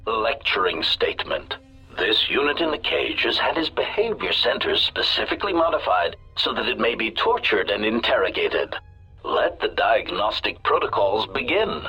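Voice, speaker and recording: Sardonic robotic assassin droid. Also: male voice, fairly low pitch, sing-song, normal speed, husky, full character voice, rough recording. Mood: mocking. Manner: clipped, announces each remark with a label. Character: cold, sardonic male assassin combat droid. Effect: metallic robotic voice filter. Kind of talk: video game character dialogue. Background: loud game music.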